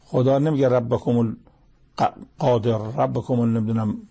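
A man's voice: medium pitch, fairly even intonation, gravelly, dark tone, husky. A man preaching a sermon, reciting Arabic verses, explaining them, and pressing listeners with pointed rhetorical questions.

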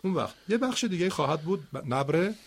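A man teaching Quran recitation, explaining word stress with spoken examples in a slow, deliberate way. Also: fairly high pitch, expressive, breathy edge.

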